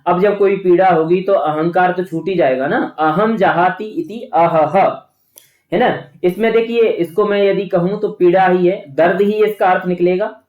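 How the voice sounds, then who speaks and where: High-voiced man teaching, echoey room. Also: fairly even intonation, moderate pace, phone-quality sound. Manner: explains step by step, often asks "है ना?". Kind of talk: online exam-prep lecture. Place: away from his usual studio.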